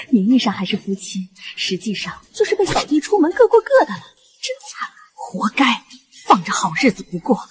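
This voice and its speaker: An actress playing an excitable young woman in a period drama, with a shrill, emotional delivery. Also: drawn-out words, long pauses, slight background noise, heavily acted. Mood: mocking. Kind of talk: Chinese period short-drama acting.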